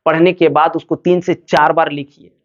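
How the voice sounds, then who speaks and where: A man's voice: a little high, flat delivery, normal speed, highs cut off. A man giving motivational study advice to students, asking questions and answering them himself.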